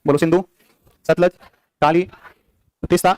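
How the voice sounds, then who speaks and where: His pitch is on the high side, the delivery flat and a little mellow, captured dry. This young man, sore-throated, teaches exam-prep geography by rapidly and repetitively quizzing students to drill in the facts.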